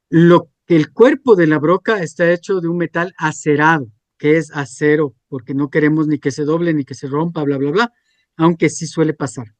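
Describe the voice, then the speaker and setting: High-voiced male teacher. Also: no echo. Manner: asks the class frequent check questions. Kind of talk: classroom lecture. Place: classroom.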